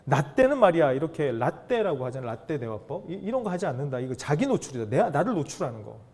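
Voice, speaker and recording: A middle-aged man giving a lively lecture to fathers, acting out dialogue and asking the audience questions. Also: mid-range voice, quick pace. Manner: animated, acts out dialogue, asks audience questions.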